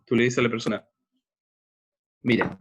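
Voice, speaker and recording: A middle-aged man lectures to university students in a loose, conversational way. His voice is husky and mid-pitched, and he stops often to work through examples. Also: moderate pace. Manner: conversational, explains with worked examples and hesitations. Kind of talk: recorded lecture on neuropsychology.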